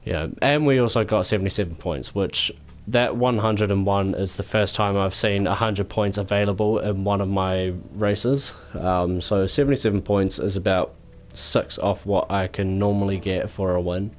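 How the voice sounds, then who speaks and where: A man wrapping up a racing stream, tired and sore, self-critical and halting with lots of fillers. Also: fairly low pitch, steady tone. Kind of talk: casual post-race wrap-up.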